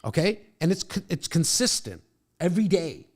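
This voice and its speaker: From his home studio, a middle-aged podcast host and real estate coach gives a guest a brash, profane pep talk in a casual mentoring chat. His voice is fairly high and sing-song, at normal speed.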